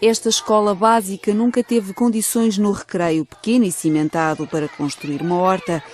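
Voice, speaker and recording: Measured Portuguese woman reporter. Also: medium pitch, fairly even intonation, background noise. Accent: European Portuguese. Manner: measured, scripted. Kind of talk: news voice-over.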